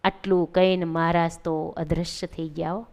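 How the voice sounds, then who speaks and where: A woman's voice: lowish voice, flat delivery, moderate pace, darkish tone. A woman with a Gujarati accent telling a devotional story as a sermon, expressively acting out the pleading voices of the people in it. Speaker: religious storyteller.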